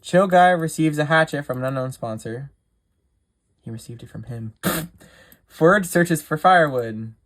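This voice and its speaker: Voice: medium pitch, unhurried. A video creator casually reading out a game simulator's events, adding chatty, giggly asides and stumbling over words.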